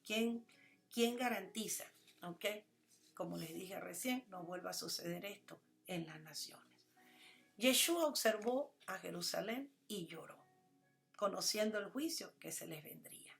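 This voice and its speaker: A woman preaching a sermon in an earnest voice of ordinary pitch, addressing her listeners as her children. She builds to loud, stressed phrases and then falls to near-whispered asides. Faint music plays underneath her. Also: expressive, a little slow, vocal fry. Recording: soft music bed under the voice.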